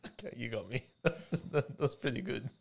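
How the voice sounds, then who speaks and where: A man's voice: mid-range voice, animated, unhurried, creaky. A man hosting a casual podcast chat, speaking in a laid-back, matey way full of slang. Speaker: podcast host.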